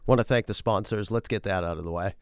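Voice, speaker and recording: A man's voice: on the low side, quick pace, clean tone, no echo, studio quality. A man co-hosting a comedic podcast in a campy, theatrical showman's manner. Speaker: podcast co-host. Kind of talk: casual comedic podcast chat.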